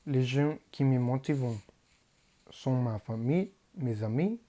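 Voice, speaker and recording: A teenage boy from Mexico, a native Spanish speaker with a Mexican Spanish accent, reading a prepared class presentation in a careful, halting learner's way. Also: mid-range voice, animated, mellow. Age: teens. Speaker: high school student.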